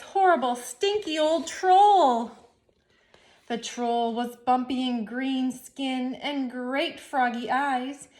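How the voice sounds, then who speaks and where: A woman reading a children's storybook aloud with expressive, playful narration. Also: on the high side.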